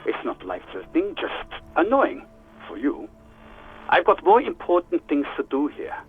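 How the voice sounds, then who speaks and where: An actor playing a sarcastic, bored police doctor in a video game, dismissive and dry, heard over a radio line. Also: male voice, a little high, huge pitch swings, moderate pace, breathy edge, phone-quality sound, faint music behind, full character voice. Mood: sardonic. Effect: radio transmission. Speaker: station doctor.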